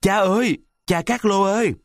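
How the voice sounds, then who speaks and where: A man voicing a mischievous young wooden puppet boy in a storybook reading, talking in a high childlike whine. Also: lively intonation, a little slow, dry recording, studio quality. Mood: panicked.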